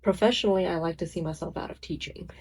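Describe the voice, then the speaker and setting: A woman's voice: fairly low pitch, fast talker, darkish tone, a little hiss or hum, low-quality recording. A woman speaking earnestly and reflectively as an interview guest, often repeating her phrases. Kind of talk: reflective casual interview talk.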